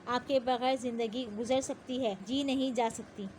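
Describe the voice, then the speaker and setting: A woman reading the part of a gentle, confident young male police officer in an audio novel, speaking softly and persuasively. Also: very high-pitched, a little hiss or hum. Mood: calm persuasive. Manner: soft-spoken, calm and persuasive.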